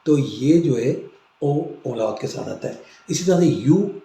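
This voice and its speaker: A man teaching a language lesson, explaining slowly and repeating each word for drilling. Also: mid-range voice, lively intonation, vocal fry, dark tone, echoey room. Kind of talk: classroom-style language lesson.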